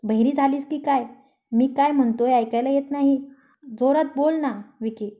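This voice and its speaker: A woman's voice: high voice, moderate pace, warm tone, lo-fi sound. A woman voicing a short-tempered young man who teases and snaps sarcastically, read in a storybook style. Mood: irritated sarcastic. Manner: taunting, sarcastic. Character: young man, grumpy, teasing, quick to snap.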